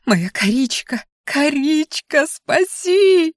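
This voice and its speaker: A tiny female creature squeals and carries on with theatrical alarm, as a woman reads her. The voice sits high and shrill, recorded dry and close for a storybook. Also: sing-song, slow, no echo, exaggerated voice. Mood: panicked. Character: shrill little female critter, dramatic ex-governess.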